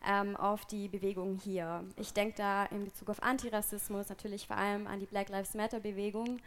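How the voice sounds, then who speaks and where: A woman from Germany co-hosting a live podcast panel, introducing guests and explaining in a steady manner with filler words. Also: mid-range voice. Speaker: podcast co-host.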